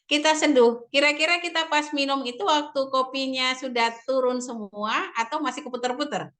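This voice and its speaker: Woman, religious teacher, parents' seminar talk, lively storytelling, quotes her kids, laughs often, slightly high voice. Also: normal speed. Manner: often laughs while talking.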